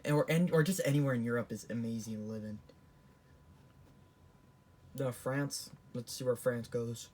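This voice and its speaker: A man's voice: mid-range voice, moderate pace, long pauses, darkish tone. Teen male, casual rambling vlogger, lots of false starts. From Canada. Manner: rambling, with frequent restarts and self-corrections. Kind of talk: casual tier-list commentary.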